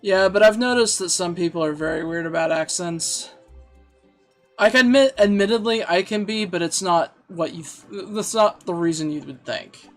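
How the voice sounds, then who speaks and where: Playing a game on a home stream, this man keeps up a casual, self-deprecating chat with his viewers and laughs readily. He speaks at normal speed in a high, slightly bright voice while soft music plays behind him.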